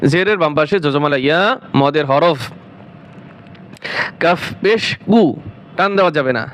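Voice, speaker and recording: This male teacher's voice sits on the high side and sounds a bit bright, with an unhurried delivery and a little hiss or hum in the recording. In a slow recitation lesson on the Quran, he spells out letters, draws out every syllable, and says words repeatedly before explaining them.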